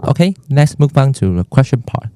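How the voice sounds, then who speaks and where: Brief: Taiwanese teen co-host, scripted, stumbling now and then, mellow dry voice. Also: male voice, medium pitch, sing-song, fairly quick, smooth, no echo. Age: teens. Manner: reads from a script with small stumbles. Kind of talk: scripted school podcast hosting.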